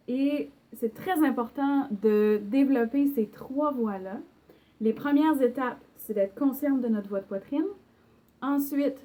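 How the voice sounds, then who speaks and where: A young singing teacher with a Québécois French accent gives a patient online lesson, filling pauses with fillers and singing brief examples. Her voice is a little high with a dark tone.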